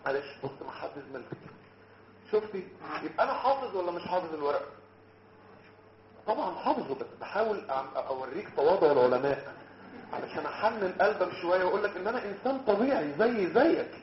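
A man's voice: sits high, lively intonation, fast, slight background noise. A man with an Egyptian Arabic accent teaching medical students, joking and quizzing them as he mixes in English terms. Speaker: medical lecturer. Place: lecture hall. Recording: roomy, muffled lecture hall recording.

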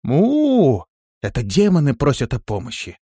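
Reading an audiobook, a man voices a timid young female demoness who pleads in a trembling, fearful way, pitching above his natural voice. His mid-range tone swings widely in pitch at normal speed, slightly mellow and a bit rough, in echo-free, studio-quality audio.

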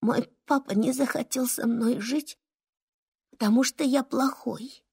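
A woman's voice: high voice, fairly even intonation, unhurried, creaky, slightly rough, no room sound, clean studio sound, full character voice. A woman voicing a small sad boy in whispers. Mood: sad, quiet. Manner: soft, trembling, sinking into whispers. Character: small sad boy missing his father.

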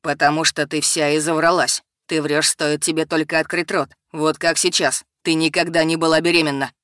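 A harsh, sarcastic man brushing off an accusation with scorn, as a female narrator voices him. The voice sits lower and firmer than her narration, with a flat, dry, close sound. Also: moderate pace, dry recording. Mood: scornful.

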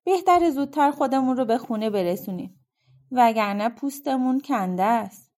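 Storybook figure: woman voicing a confused, muttering man, lightly raised pitch. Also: a little mellow, close to an everyday voice. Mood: bewildered. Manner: stammering, muttering to himself. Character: bewildered man waking from long sleep.

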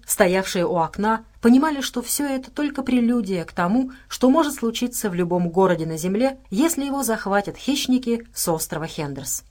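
Woman narrating an audiobook. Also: mid-range voice. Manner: steady, measured reading with dramatic stresses. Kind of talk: scripted narration.

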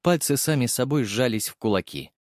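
A man reading a first-person audiobook in a measured, steady storytelling style. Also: mid-range voice, no echo, studio quality. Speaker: audiobook narrator. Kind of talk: scripted first-person narration.

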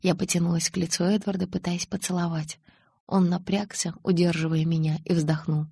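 A woman narrating an audiobook in the first person, steady and measured. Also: fairly low pitch, creaky, breathy edge, no room sound.

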